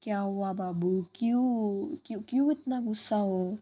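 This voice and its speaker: A woman's voice: medium pitch, measured pace, mellow, slightly rough. A woman reading out a playful, affectionate young woman who coaxes and teases her friend sweetly. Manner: teasing, sweet, coaxing.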